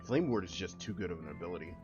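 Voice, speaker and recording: A man's voice: deep voice, animated, rapid-fire, highs cut off, over music. A young man streaming a game, chatting casually with friends and laughing often. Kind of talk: casual gameplay chat.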